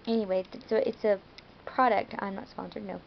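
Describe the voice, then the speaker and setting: A woman's voice: mid-range voice, steady tone, fairly quick, creaky, lo-fi sound, a little hiss or hum. An American woman talking to her viewers in a casual vlog, rambling a little with fillers and self-corrections. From United States. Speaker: vlogger.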